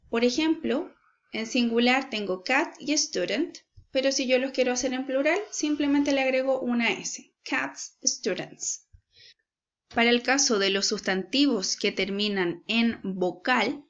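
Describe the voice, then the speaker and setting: A Chilean woman teaching an English lesson in an unhurried, patient way, often pausing to check that her class is following. Her voice sits a little high. The recording sounds dull and lo-fi, like a home recording. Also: fairly bright tone. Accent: Chilean Spanish. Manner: slow, patient, checks in with "¿cierto?".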